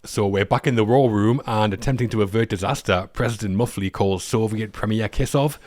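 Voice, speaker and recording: A man with a lowish voice hosts a film podcast in a relaxed, chatty way. He leads each segment and reads set-ups from his notes. The sound is dry and close to the mic. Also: fairly quick, no room sound. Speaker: podcast host. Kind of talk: casual film discussion.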